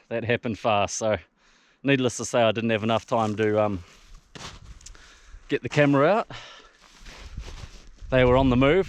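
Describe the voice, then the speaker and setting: A man's voice: mid-range voice, a little mellow, a little hiss or hum. A man with a broad New Zealand accent, chatting casually and slangily outdoors as a hunter making a vlog. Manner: laid-back, slangy, mild swearing. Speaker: hunter filming own trip. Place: outdoors on open mountain tops.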